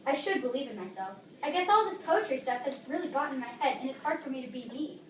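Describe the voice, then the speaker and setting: Teen girl doing a chatty retired professor poet, high light voice, echoey room far off. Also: lively intonation, quick pace. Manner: chatty, explains things like a teacher. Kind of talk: amateur talk-show skit. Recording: echoey room, distant mic, faint noise.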